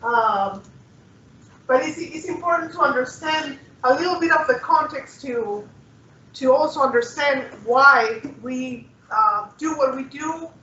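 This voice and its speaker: A woman's voice: high-pitched, unhurried, bright, forceful tone. A woman from Peru gives an earnest talk to an audience as a cultural anthropologist, often restarting and checking in with "right?". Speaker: guest speaker, cultural anthropologist. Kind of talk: presentation to an audience. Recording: dull, roomy, distant recording.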